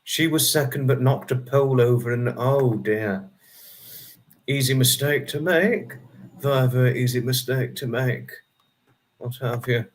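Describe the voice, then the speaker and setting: There's a little hiss or hum behind this mid-range, slightly slow voice of a twenties-aged man hosting a casual livestream. Rambling and friendly, he responds to viewer comments by name and redoes number sums out loud.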